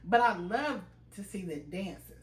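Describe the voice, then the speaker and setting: A woman co-hosting a casual chat show, animated and slangy, laughing loudly. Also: mid-range voice, unhurried, roomy sound. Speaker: podcast co-host.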